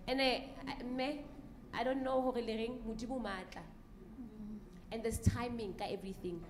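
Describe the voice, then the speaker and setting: South African woman, higher-pitched, over noticeable noise. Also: steady tone, moderate pace. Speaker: panel speaker. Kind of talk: conversational panel talk, mixing languages. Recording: clearly noisy live event recording.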